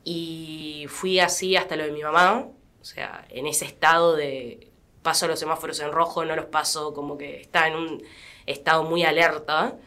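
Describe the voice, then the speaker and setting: A woman's voice: low-pitched, little pitch movement, moderate pace. Argentine young woman telling a personal story. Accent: Argentine Spanish. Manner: quiet, reflective storytelling with fillers and restarts. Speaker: interview guest. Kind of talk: personal testimony in a podcast interview.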